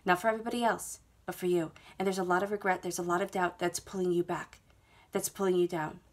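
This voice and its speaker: A woman whose voice sits on the low side talks fast, with little pitch movement, in her monthly tarot reading to camera. Suffering from a head cold, she reads cards laid out on a table indoors, speaking soothingly and reassuringly and often asking "okay?".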